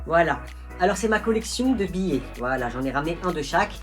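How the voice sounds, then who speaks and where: A woman's voice: expressive, quick pace, soft background music, close to an everyday voice. A woman doing a smug bragging schoolboy. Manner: smug, low-key bragging. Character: smug boastful schoolboy showing off money.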